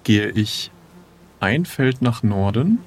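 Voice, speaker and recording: Slow and expressive, this man's darkish, lowish voice belongs to a player in an improvised adventure game. He muses out loud in a relaxed way, tentatively stating each move he makes.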